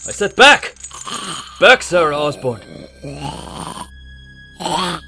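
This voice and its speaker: A man's voice: a little high, very animated, takes it slowly, a little hiss or hum, heavily acted. A man playing a frightened colonial lawman in a radio drama, crying out in shaken bursts. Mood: terrified.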